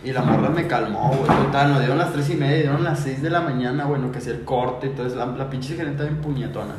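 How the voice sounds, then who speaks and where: A man's voice: medium pitch, fast talker, reverberant, noisy background. A man with a Mexican accent telling a crude, slang-heavy story as a podcast guest, forever saying "güey". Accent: Mexican Spanish. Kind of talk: casual storytelling. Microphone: podcast mic.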